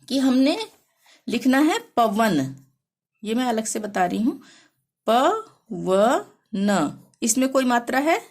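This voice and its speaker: A woman teaching a language lesson, explaining slowly and patiently, often pausing to check that the listener follows. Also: fairly high pitch. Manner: slow, repeats "theek hai" to check understanding. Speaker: Hindi teacher.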